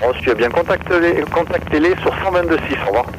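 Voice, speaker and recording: A man giving flight information with hesitant pauses, over aircraft radio in a pilot headset. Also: on the high side, animated. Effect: aircraft radio heard over a pilot headset. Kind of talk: aviation radio instructions. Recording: radio with clear engine noise.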